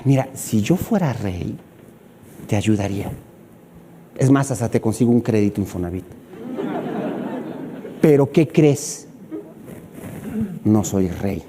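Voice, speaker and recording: Man voicing a coaxing young schemer, low and quick, Mexican accent. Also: animated, dark tone, a faint crowd, a little hiss or hum. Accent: Mexican Spanish. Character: young man, ambitious would-be leader, smooth-talking.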